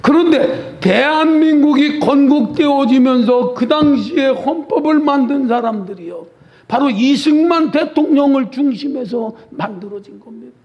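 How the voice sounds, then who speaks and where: A man's voice: very high-pitched, normal speed, highs cut off. A man with a Chungcheong accent preaching a sermon in a church, folksy and teasing members of the congregation by name. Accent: Chungcheong dialect. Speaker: pastor. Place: church sanctuary.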